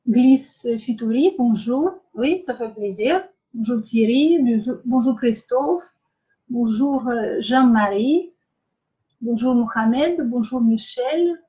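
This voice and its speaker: A middle-aged Russian woman with a Russian accent hosting a live-streamed masterclass, speaking French hesitantly with many filler pauses and greeting viewers by name. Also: a little high, darkish tone, lo-fi sound. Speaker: online masterclass host.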